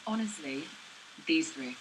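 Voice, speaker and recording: A woman with an English accent talks earnestly and a little gushingly in an interview. Her voice sits low for a woman. Clear noise from the live event runs beneath her. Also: lively intonation, a little slow. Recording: noisy live event audio.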